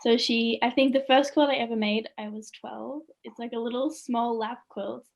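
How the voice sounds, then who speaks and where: Brief: young student artist, woman, higher voice, casual and chatty, laughs easily. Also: steady tone, normal speed, creaky. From Australia. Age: young adult. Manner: chatty, many "like"s, laughs often. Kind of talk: casual interview chat.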